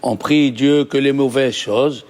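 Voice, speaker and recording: In a lively Torah class, a rabbi asks his students questions and explains things patiently. He speaks slowly in a medium-pitched, fairly even and slightly mellow voice.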